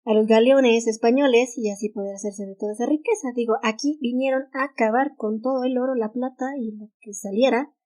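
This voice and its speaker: Her voice sits fairly high, with a steady, dark tone and a brisk delivery that leaves few pauses. Co-hosting a laid-back history podcast in a Mexican Spanish accent, she reads notes aloud, stumbles on English titles, and laughs easily.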